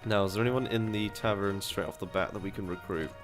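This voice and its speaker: A man's voice: on the low side, fairly even intonation, quick pace, over music. A young man giving casual, chatty commentary while playing a game, thinking aloud and swearing casually. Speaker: gaming video host.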